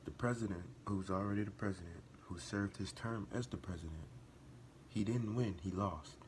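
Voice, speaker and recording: Low-voiced guy doing a heated reaction vid, keeps repeating himself and gets louder, faint hiss under it. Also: moderate pace. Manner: earnest and impassioned, rising to emphatic outbursts; repeats and restarts phrases while building a point. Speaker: reaction video host. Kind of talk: casual reaction commentary.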